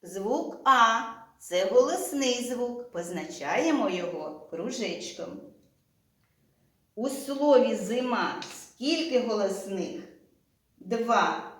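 A woman teacher with a Ukrainian accent leading a slow, deliberate reading lesson for young children, drawing out each sound and word. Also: a little high, animated, heavy reverb, far from the mic. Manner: slow and drawn-out, stretching out sounds and words. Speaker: primary school teacher.

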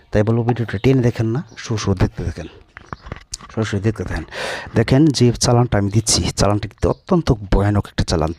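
A man's voice: lowish voice, darkish tone, no echo. A man, a folk healer giving brusque, repetitive spoken instructions to the camera. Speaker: folk healer demonstrating a ritual.

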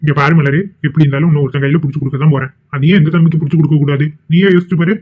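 A man's voice: on the high side, fairly even intonation, racing, slight background noise, natural voice. A man voicing a stern middle-aged father in a cartoon, scolding and commanding. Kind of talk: cartoon voice acting. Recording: tinny phone-like audio.

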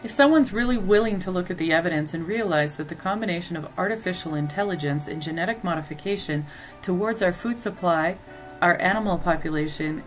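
Delivering scripted commentary as a show host, a woman talks in an earnest, speculative manner. Her voice is on the low side, and the audio quality is poor.

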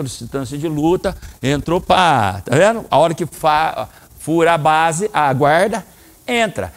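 A middle-aged man with a Brazilian Portuguese accent teaching a children's karate class in a training hall, calling out commands and explaining techniques. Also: a little high. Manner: lively, coaching commands to children. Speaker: karate instructor.

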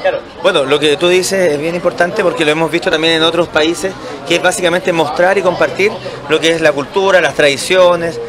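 A man's voice: on the high side, fairly even intonation. A man in his thirties with a Chilean accent, roving reporter interviewing scouts on a handheld mic. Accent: Chilean Spanish. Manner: upbeat, affirming with quick "excelente". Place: outdoor camp and crowded tent stand. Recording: busy crowd noise behind.

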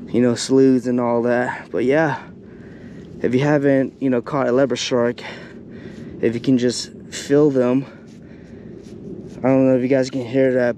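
A man in his thirties talks at an unhurried, drawn-out pace, relaxed and chatty with plenty of fillers. He sits at a middle pitch and is recorded outdoors on an action camera. A faint hiss of open-air noise runs beneath his voice. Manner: laid-back, chatty, uses lots of fillers. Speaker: fishing vlogger. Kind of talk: casual vlog commentary. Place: outdoors on a bay shoreline. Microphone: action camera, hand-held or chest-mounted.

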